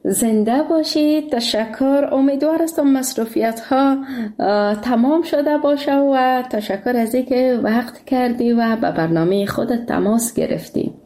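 Afghan woman radio host, higher-pitched voice. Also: mellow. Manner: courteous, friendly. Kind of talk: conversational radio phone-in hosting.

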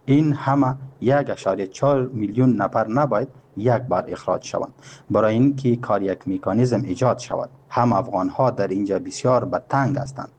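A man's voice: fairly low pitch, darkish tone, husky. A man reading a translated interviewee's words in a plain, earnest manner. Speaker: voice-over translator.

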